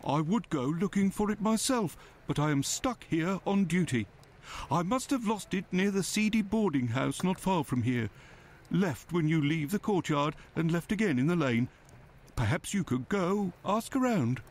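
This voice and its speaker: A man's voice: high voice, expressive, moderate pace, a little mellow. A man playing a dutiful, slightly naive male police constable in a video game, polite and hesitant.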